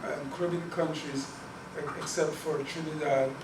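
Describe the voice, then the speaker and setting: At normal speed and with a flat delivery, a slightly high-voiced man from Guyana presents academically on Caribbean languages, then answers questions. He's earnest, repeating words as he thinks aloud. A distant mic in an echoey space captures noise too.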